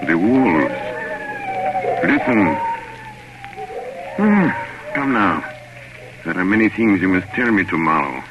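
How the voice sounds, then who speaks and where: An actor playing a sinister, courteous old vampire count in 1930s radio drama style, slow, formal and mockingly polite. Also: male voice, low voice, very animated, full character voice. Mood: suave, ominous. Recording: muffled, noisy old radio recording.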